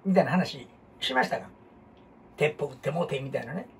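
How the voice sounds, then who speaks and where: A man with a Kansai accent, hosting a casual history talk as an animated storyteller who jumps between topics and asks rhetorical questions. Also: fairly high pitch, fairly quick, a little hiss or hum. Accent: Kansai Japanese. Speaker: host. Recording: husky voice from far off the mic.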